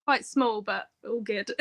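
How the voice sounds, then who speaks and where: A woman's voice: fairly high pitch, lively intonation, slow. A woman in her twenties on a phone call, answering interview questions in an easygoing, hesitant way. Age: 20s.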